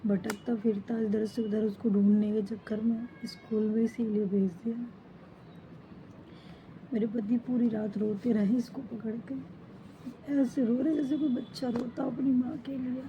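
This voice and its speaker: A middle-aged mother mourns a pet in a personal account, her talk broken into short, halting phrases. Her voice sits a little high. The home recording sounds slightly dull, with a faint hiss underneath. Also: flat delivery. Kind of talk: emotional personal account to camera.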